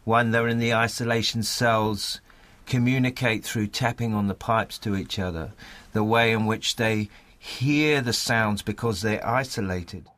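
In a reflective interview, a male playwright talks with earnest articulacy, repeating phrases now and then for emphasis. His lowish, slightly bright voice has fairly even intonation and a measured pace, with no echo.

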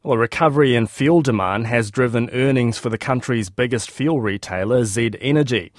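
A man's voice: mid-range voice, fairly quick, dry recording, studio quality. A man with a New Zealand accent presenting business news in a scripted newsreading style. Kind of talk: scripted news reading with interview links.

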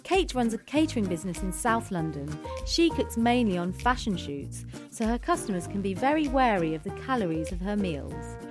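Female narrator, crisp and playful, light music underneath. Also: mid-range voice, big pitch swings, normal speed, hardly any pauses. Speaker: presenter narrator. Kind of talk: scripted narration.

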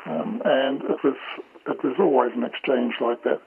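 Gravelly disguised man's voice over a phone. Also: mid-range voice, steady tone. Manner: halting, with many fillers and restarts. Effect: voice disguised by an altering filter. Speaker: former intelligence officer on the phone. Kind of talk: phone interview. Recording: tinny, noisy phone line.

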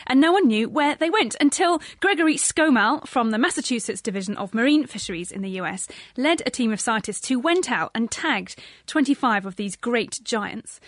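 A woman's voice: fairly high pitch, no echo, clean studio sound. A British woman co-hosting a science radio show, enthusiastic and effusive in a conversational way.

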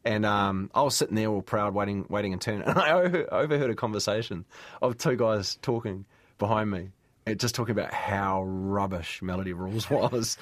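A man chats casually in an interview, talking quickly in a lowish voice. The recording is dry, with faint music. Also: no room sound. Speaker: actor being interviewed.

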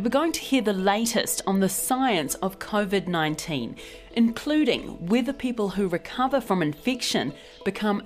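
A woman with a New Zealand accent hosting a news podcast, reading the headlines in a clear, measured way. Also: medium pitch.

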